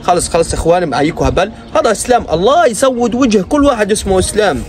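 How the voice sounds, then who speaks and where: A man's voice: sits high, expressive, racing, slight background noise. A man hosting a reaction video, ranting in mock outrage and exasperation. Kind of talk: comic reaction commentary.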